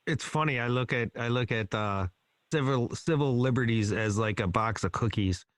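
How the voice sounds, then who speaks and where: Male host, casual and rambling, mid pitch, dry close sound. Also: moderate pace, no room sound. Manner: relaxed, rambling, agreeable. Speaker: podcast host. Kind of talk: casual podcast conversation.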